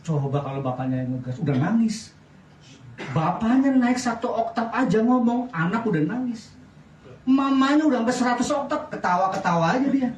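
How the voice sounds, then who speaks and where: Middle-aged male pastor preaching, pretty high voice, sounds far off in a roomy church. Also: a little fast, a little hiss or hum. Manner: lively preaching with wide swings in loudness, asks the congregation questions. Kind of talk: sermon. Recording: echoey church sound from a distance.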